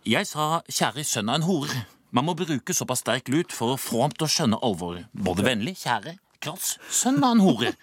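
A deadpan, overconfident host. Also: male voice, medium pitch, breathy edge. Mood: smug. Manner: deadpan, self-assured, rambling. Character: overconfident male interpreter and advice-show host, deadpan. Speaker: comic sketch interpreter and advice-column host. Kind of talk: deadpan sketch comedy.

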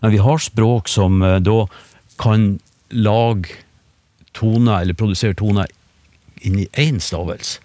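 Low-voiced man explaining patiently. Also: steady tone, mellow, dry recording. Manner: patient, explanatory, with many fillers and restarts. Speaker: language expert on a radio panel. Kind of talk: explaining on a radio talk show. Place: radio studio.

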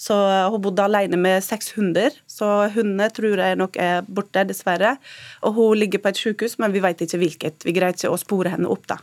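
Halting, emotional woman guest. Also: medium pitch, fairly even intonation, dry recording. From Turkey. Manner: emotional, halting, many fillers. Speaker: interview guest. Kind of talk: radio interview.

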